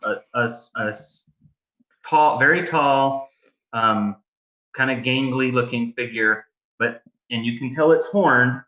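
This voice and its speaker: Male game master, improvised narration with halting pauses, crisp bright tone, echoey room. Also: medium pitch. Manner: halting, pausing mid-phrase.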